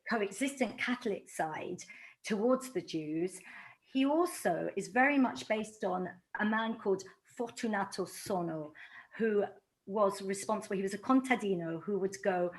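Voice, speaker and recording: A middle-aged woman from London speaks as an author addressing a community audience. Her voice sits at an ordinary middle pitch. She tells her stories with animation and slips into the voices of the people she quotes. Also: unhurried. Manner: animated storytelling, acts out quoted dialogue. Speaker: author giving a talk.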